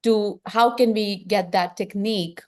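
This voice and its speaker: A woman's voice: medium pitch, steady tone, unhurried, a little mellow. A middle-aged woman with an Indian accent, a film director talking earnestly in an interview and thinking aloud with frequent restarts. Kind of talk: reflective interview talk.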